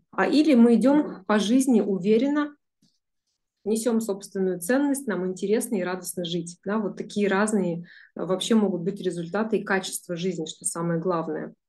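A business psychologist in her forties earnestly explains something to a group during an online video call, using many fillers. Her voice is mid-range and a little mellow.

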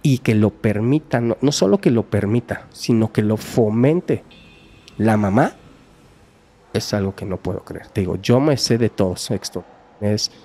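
A man with a Mexican Spanish accent recounts a criminal case in casual conversation. He speaks earnestly in a lowish voice and slips into the voices of police and witnesses as he goes. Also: expressive, measured pace, warm tone, slightly rough. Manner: earnest, acts out quoted voices in the story. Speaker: podcast guest. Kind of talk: telling a true crime case in casual talk.

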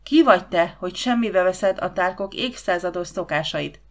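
A woman's voice: fairly low pitch, lively intonation. A woman voicing a stern old green Martian male chieftain in an audiobook, speaking in a cold, hard, commanding tone. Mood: indignant. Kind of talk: audiobook character reading.

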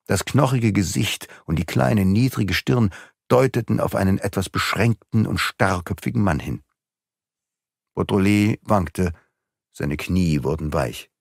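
A man's voice: sits low, measured pace, creaky, no room sound, studio quality. A man narrating an audiobook in a dramatic, varied reading.

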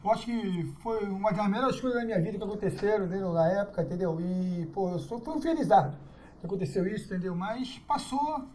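A man from Rio is a guest in a casual interview. His voice is mellow and quick, he often tags on "entendeu?", and there is a faint hum of ambience behind him. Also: high voice.

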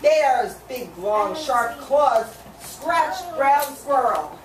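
A woman reading a picture book aloud to children, expressive and stopping to ask her listeners questions. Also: sits high, extremely slow. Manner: expressive, asks the audience questions. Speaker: storyteller. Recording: echoey room, distant mic, background noise.

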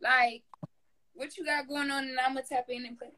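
Bright, high-voiced young woman co-host. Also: steady tone, moderate pace, rough recording. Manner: chatty, laughs easily. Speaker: podcast co-host. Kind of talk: casual livestream chat. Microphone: video call.

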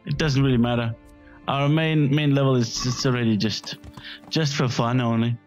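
A man's voice: mid-range voice, fairly even intonation, moderate pace, highs cut off, faint music behind. A man hosting a let's-play, giving casual, crude running commentary full of swearing and jokes. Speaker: gaming channel host.

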